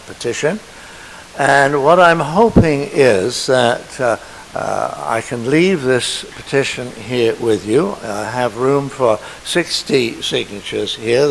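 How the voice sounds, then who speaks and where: A man speaking to a church council meeting, halting and full of filler pauses as he presents a petition. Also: medium pitch, vocal fry, a little hiss or hum, rough recording. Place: meeting hall.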